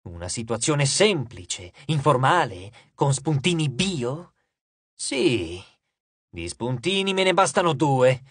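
A menacing earth goddess speaks in a low, hushed, hissing murmur, voiced by a man reading an audiobook. She drags her words out slowly and mockingly, her tone husky and close. The sound is dry, like a studio booth. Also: big pitch swings, no echo, full character voice. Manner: slow and taunting. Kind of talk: audiobook character voice.

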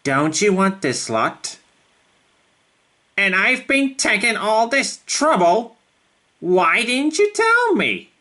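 A man voicing a devious, smug diesel locomotive with oily, insincere politeness, in the style of an animated children's series. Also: high-pitched, exaggerated voice. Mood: indignant. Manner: slow, deliberate delivery.

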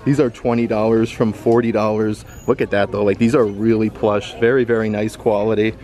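A man's voice: on the low side, fairly quick. A man vlogging a casual walkthrough of a large store, upbeat and reading out prices as he browses. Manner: upbeat, reads out prices, excited about bargains. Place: large indoor retail store. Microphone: handheld camera, filming himself from behind it.

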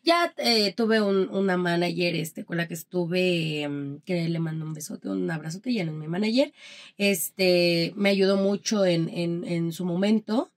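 A woman's voice: fairly low pitch, unhurried. A woman with a Mexican Spanish accent talks as a guest in a casual interview. She tells stories with energy and plays out each exchange in the voices of the people involved. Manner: animated storytelling that acts out quoted dialogue.

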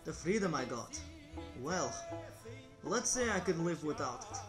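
A teenage boy acting as a brooding young orphan investigator in a student film, earnest and questioning, quick to anger. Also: a little high, very animated, over music. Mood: wistful. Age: teens. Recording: echoey room, distant mic.

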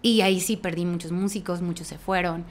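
A woman with a Mexican accent, a worship leader, telling a story in lively conversation, laughing often and restarting her phrases with emphasis. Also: lowish voice, brisk, a little hiss or hum.

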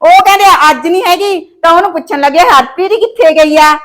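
A woman's voice: very high voice, fast, fairly bright tone. A woman playing a domineering, scheming mother-in-law in a village comedy short film, scolding her son.

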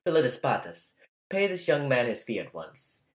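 A man's voice: mid-range voice, very animated, moderate pace, lightly acted. A man voicing a grieving wealthy widow who speaks with formal, polite authority. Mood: gracious. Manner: formal, polite commanding speech. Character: grieving wealthy widow, woman, gracious yet scheming. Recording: roomy echo.

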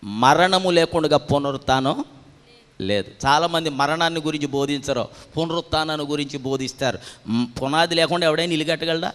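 A male pastor preaching a dramatic sermon, swinging from quiet asides to loud fervent surges and acting out voices from the story. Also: on the high side, a little fast. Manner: dramatic preaching with sudden surges to shouting, acted quotes. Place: church hall. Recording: long hall reverb.

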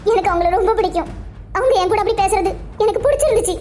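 A hurt young woman in a cartoon, her replies soft, choked and hesitant, as a woman voices her. The voice sits very high and the lines come quickly. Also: faint music behind. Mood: tearful. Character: young woman, torn and tearful over love. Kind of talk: Tamil cartoon dub.

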